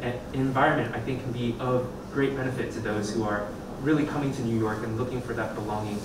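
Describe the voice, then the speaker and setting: A man's voice: medium pitch, fairly even intonation, fast talker. A man speaking on a discussion panel, reflective and full of fillers. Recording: roomy, distant mic with noise.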